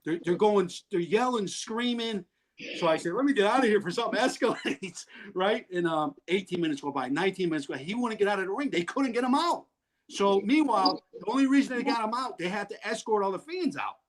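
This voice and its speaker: A man telling wild stories in an animated way, loudly acting out what people said and laughing often. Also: high-pitched, brisk. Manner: excitable, acts out quotes loudly, laughs often. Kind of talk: animated storytelling.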